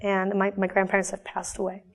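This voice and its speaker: A middle-aged woman artist from Argentina, talking about her own paintings in a thoughtful, halting way with frequent restarts. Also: mid-range voice, monotone.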